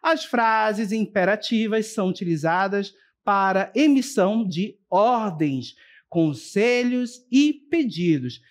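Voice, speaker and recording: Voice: mid-range voice, expressive, slow pace. A teacher giving a televised school lesson, explaining step by step and often checking in with the class. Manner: addresses students directly and warmly as a group. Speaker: Portuguese teacher.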